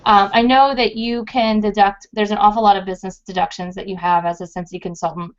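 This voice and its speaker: A woman's voice: mid-range voice, little pitch movement, fairly quick, slight background noise. A woman who is a sales director, explaining tips in a casual round table chat on a muffled online call. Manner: chatty, explaining step by step.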